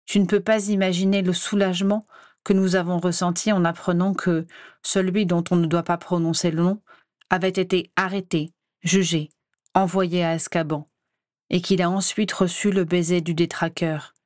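Worried mother in a wizard storybook, soft and coaxing, slightly lifted pitch, dry close sound, read by a woman. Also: little pitch movement, normal speed, no echo, natural voice. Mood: fearful recollection. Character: anxious, protective mother of a teenage wizard. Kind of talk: audiobook character voice.

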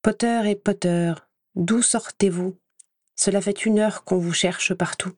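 A woman reading an audiobook voices a sneering, spiteful male professor who speaks slowly and mockingly. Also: mid-range voice, steady tone, darkish tone, dry recording, natural voice. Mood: scornful. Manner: slow, scornful, mocking.

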